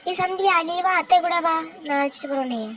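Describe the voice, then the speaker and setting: Woman voicing a protective, gently scolding aunt. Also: very high voice, fast.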